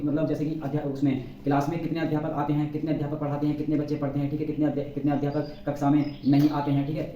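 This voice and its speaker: A male English grammar teacher with a Hindi accent who explains rules at a board. He keeps saying "ठीक है" and slows right down to dictate example sentences. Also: on the high side, dark tone, distant mic. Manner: repeats "ठीक है" constantly, dictates sentences slowly. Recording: roomy, off-mic, faint background noise.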